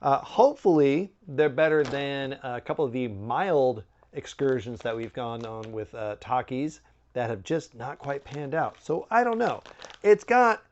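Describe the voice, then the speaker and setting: A man's voice: mid-range voice, expressive, measured pace, a little mellow, lo-fi sound. A man giving a casual, chatty snack review with wry, joking asides.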